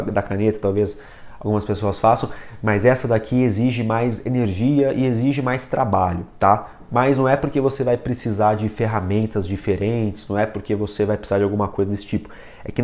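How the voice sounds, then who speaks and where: A reading coach with a lowish, darkish voice gives a casual video lesson on reading, speaking directly to the viewer and demonstrating with a book and pen.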